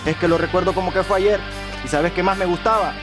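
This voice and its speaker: A man's voice: sits high, steady tone, fast talker, over music, close to an everyday voice. A man playing a goofy Honduran buddy. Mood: nostalgic. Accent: Honduran Spanish. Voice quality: teasing, slangy, ends lines with "bo".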